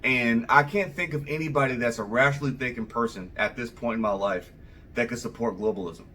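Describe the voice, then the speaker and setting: A man's voice: mid-range voice, a little fast, pushed and bright, distant mic, slight background noise. A male vlogger giving a rambling, conversational opinion monologue to the camera.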